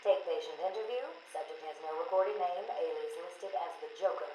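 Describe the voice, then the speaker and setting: An actress playing a composed, clinical asylum psychiatrist, heard as an interview played from a cassette tape. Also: female voice, fairly low pitch, a little fast, dark tone. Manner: composed, clinical, turning alarmed under provocation. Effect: played back from an interview cassette tape. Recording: echoey taped room with faint hiss.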